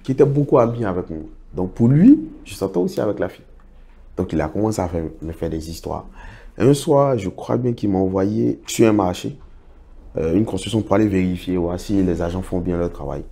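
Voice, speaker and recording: Middle-aged man, low dark voice, interview guest who tells anecdotes and acts out dialogue. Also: expressive, fairly quick, gravelly. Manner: recounts anecdotes, acts out others' words. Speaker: interview guest, project financing consultant. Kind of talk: storytelling in a casual interview.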